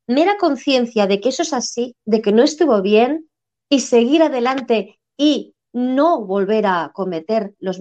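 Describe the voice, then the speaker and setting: A woman's voice: on the high side, darkish tone. A woman from Spain in an earnest, reflective spiritual conversation, repeating phrases for emphasis. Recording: dull lo-fi sound.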